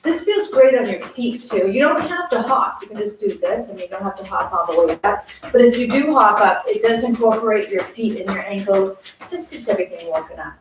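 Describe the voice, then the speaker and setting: A woman's voice: medium pitch, lively intonation, fairly quick. A woman with a Maine accent leading a casual exercise class in an easygoing, chatty, encouraging way. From Maine, USA. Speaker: morning workout instructor. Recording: very echoey, distant mic, faint noise.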